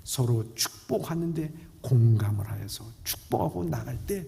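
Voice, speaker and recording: A male pastor preaches emphatically, swinging between loud and soft lines. His voice has a gravelly fry. Long church reverb trails his words. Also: mid-range voice, animated, moderate pace. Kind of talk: sermon. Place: church sanctuary.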